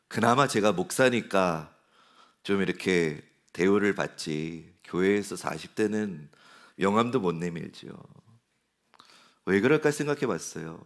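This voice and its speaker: A man in his forties, a pastor preaching a sermon in a conversational way and asking his congregation questions. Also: fairly low pitch. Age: 40s. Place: church sanctuary.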